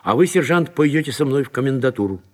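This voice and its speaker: A man's voice: medium pitch, expressive, fast, natural voice. A man voicing a young army lieutenant in a read-aloud story, giving clipped orders and speaking with uneasy restraint. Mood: stern. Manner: clipped orders, then soft hesitant speech.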